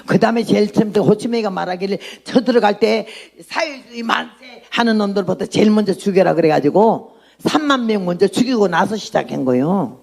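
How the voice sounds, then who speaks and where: A woman's voice: mid-range voice, expressive, fairly quick, gravelly, darkish tone. An outspoken woman in her eighties preaching a testimony sermon as a missionary, blunt and emphatic. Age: 80s.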